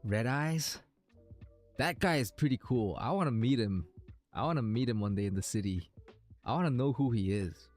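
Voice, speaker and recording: A man's voice: medium pitch, lively intonation, normal speed, darkish tone, soft background music. A man streaming a game, chatting casually with viewers in a hesitant, rambling way, thinking aloud.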